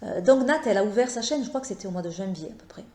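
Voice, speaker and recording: A woman with a Southern French accent talking casually to her viewers, hesitant and halting, with many fillers and restarts. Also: medium pitch, lively intonation, dark tone, reverberant. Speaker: tarot YouTuber. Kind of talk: casual vlog talk.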